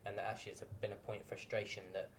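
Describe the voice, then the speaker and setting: A man with a fairly low voice runs a casual interview in a chatty way, with joking asides. A faint rumble can be heard behind him. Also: little pitch movement, very fast, rough recording.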